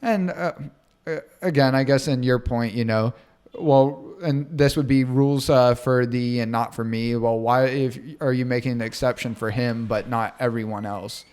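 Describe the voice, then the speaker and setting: A man's voice: mid-range voice, steady tone, normal speed, darkish tone, clear, resonant tone. A man co-hosting a podcast, giving casual commentary, rambling with lots of fillers. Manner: rambling, full of fillers and hedges. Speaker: podcast co-host.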